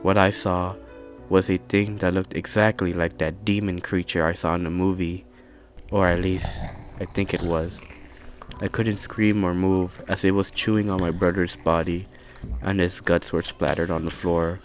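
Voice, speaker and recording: A man narrating a scary story in a calm, measured storytelling manner. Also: sits low, faint music behind. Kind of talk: scripted horror narration.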